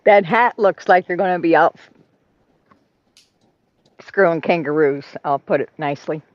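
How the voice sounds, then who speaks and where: Guest on a video call, teasing banter, unhurried, dull lo-fi call audio. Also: mid-range voice, no echo. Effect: heard over a video call. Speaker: guest on a livestream chat. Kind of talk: casual chat.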